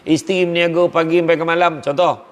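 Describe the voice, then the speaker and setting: A man with a Malaysian Malay accent giving an animated, jokey religious talk, acting out the people he quotes. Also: fairly high pitch, fast, big-room sound. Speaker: preacher.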